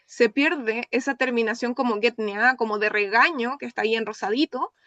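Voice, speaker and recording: High-voiced young Chilean woman lecturing. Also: normal speed, fairly bright tone, no echo, dull audio. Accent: Chilean Spanish. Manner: explanatory, checks in with the audience often. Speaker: lecturer presenting her research. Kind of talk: academic talk in an open class.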